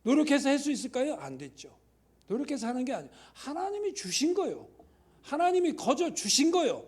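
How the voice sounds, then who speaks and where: A man who is a church elder, preaching a sermon in a conversational way, asking the congregation questions and dropping now and then to a hushed whisper. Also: very high voice, very animated, brisk. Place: church sanctuary.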